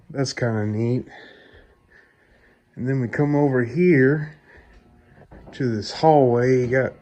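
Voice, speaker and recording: A young man narrating a casual exploring vlog walk-through in an unhurried, musing, plain-spoken way. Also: medium pitch, a little mellow. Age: 20s or younger.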